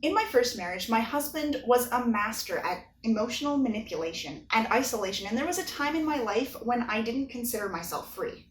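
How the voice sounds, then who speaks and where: Chatty, high-voiced woman author. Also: animated, fairly quick, hardly any pauses, a little hiss or hum. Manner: chatty and earnest, with bursts of laughter. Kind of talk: video newsletter to readers. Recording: echoey room, mic at a distance.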